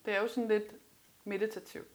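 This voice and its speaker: A woman hosting a podcast interview, asking casual questions with quick asides. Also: medium pitch, flat delivery, slight background noise. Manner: chatty, quick asides, frequent "mm" backchannel. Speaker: podcast host.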